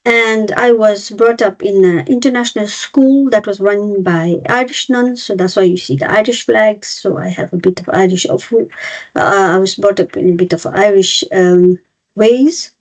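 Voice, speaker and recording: This webinar presenter, a woman in her fifties from Nepal and India working as a cross-cultural trainer, explains things step by step with lots of fillers and restarts. Her mid-range voice is a little mellow and moves at normal speed. Audio is from a video call and sounds dull and lo-fi.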